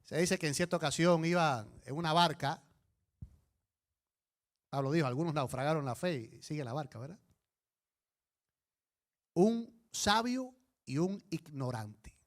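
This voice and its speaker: A male pastor preaching a sermon, telling stories with emphatic, animated delivery. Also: a little high, measured pace, long pauses.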